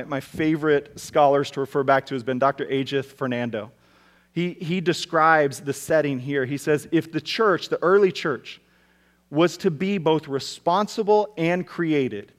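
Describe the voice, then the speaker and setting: A man preaching a sermon as pastor, talking conversationally with bits of humor and frequent restarts. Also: a little high.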